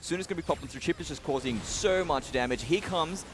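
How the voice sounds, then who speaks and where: Speaking at a fairly high pitch over background noise, a male esports analyst rapidly walks through replays. His play-by-play is heavy with fillers.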